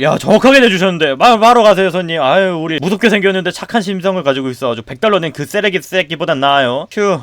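Guy streaming a shop game, bouncy high-ish voice, swings loud to mumbly, dry close mic. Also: no room sound. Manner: excitable, swings from loud outbursts to muttering; mock-scolds customers like a grumpy shopkeeper. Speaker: gaming streamer. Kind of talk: game commentary.

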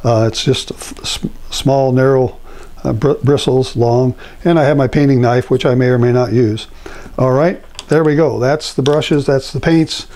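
Older man, painting teacher, mellow and warm tone, rambling with lots of fillers, lapel mic, home studio. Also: mid-range voice, normal speed. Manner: rambling, relaxed, many fillers and restarts. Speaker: painting instructor. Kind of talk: casual painting demonstration.

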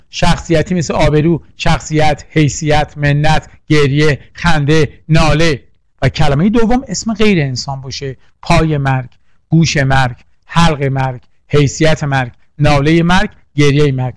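A man's voice: fairly high pitch, no echo. A man teaching a poetry lesson for exam prep, drilling lists and quizzing the class with questions. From Iran. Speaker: literature teacher.

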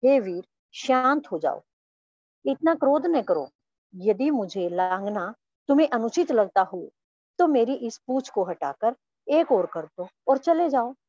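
A woman voicing an old, weak male monkey who gently pleads to be left alone as she reads a story lesson aloud. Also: mid-range voice, animated, a little slow, no room sound, dull audio. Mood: pleading. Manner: soft, plaintive storytelling voice.

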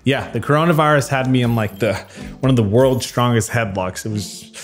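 A man's voice: mid-range voice, brisk. A man in his twenties with a congested, nasal voice, casually vlogging to camera in a chatty, joking and self-deprecating way. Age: 20s. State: nasal, recovering from illness. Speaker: YouTube creator. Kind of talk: casual talking-to-camera vlog.

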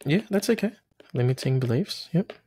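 A man's voice: mid-range voice, expressive, moderate pace, darkish tone, slightly rough, no echo. A man in his thirties coaching someone through a therapy session with patient, encouraging questions. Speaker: hypnotherapist, coach. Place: small room, video call.

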